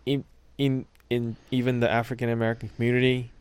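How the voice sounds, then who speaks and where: A man's voice: medium pitch, little pitch movement, fast, a little mellow, clear, resonant tone, no echo. A man in casual chat about a film, thoughtful and searching for words with frequent fillers. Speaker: podcast co-host discussing a film.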